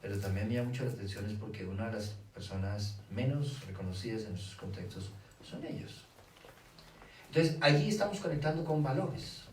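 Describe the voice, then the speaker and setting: A Colombian man giving an animated talk to a live audience, asking rhetorical questions and acting out dialogue. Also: fairly low pitch, a little fast. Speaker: speaker on children's faith. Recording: echoey room from far off, faint hiss.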